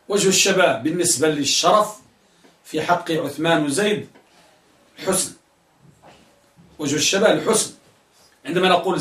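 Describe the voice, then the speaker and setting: A man's voice: high voice, bright, forceful tone. A male teacher giving a classroom lesson, questioning students and drilling their answers. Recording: echoey room, mic at a distance.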